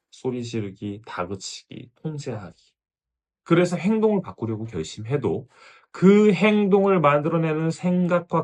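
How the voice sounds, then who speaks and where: A man giving a parenting lecture, speaking straight to viewers with "자, 여러분" and acting out a mother's thoughts as quotes. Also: medium pitch. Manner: addresses viewers directly, often starting with "자, 여러분". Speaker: parenting educator.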